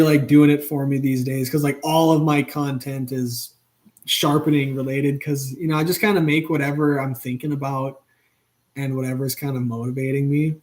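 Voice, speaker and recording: A man in his thirties hosts a casual live stream, talking loosely and warmly to viewers. He rambles and restarts often, with plenty of fillers. His voice sits at an ordinary middle pitch. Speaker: channel host.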